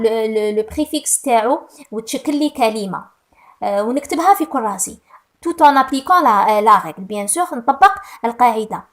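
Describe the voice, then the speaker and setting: A woman teaching a recorded lesson to young pupils, patient and deliberate, fondly calling them her little ones. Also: fairly high pitch. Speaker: primary school French teacher.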